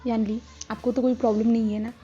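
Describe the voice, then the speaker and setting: A woman voicing a calm, protective grown man who soothes his nephew. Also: on the high side, fast talker, lightly acted. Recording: slightly dull with soft music.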